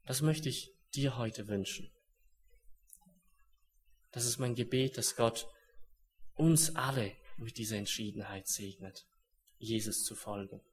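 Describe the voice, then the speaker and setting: Preaching with earnest conviction, a young man in a mid-range voice shifts between quiet, solemn phrases and urgent ones. He speaks a little slowly and pauses often.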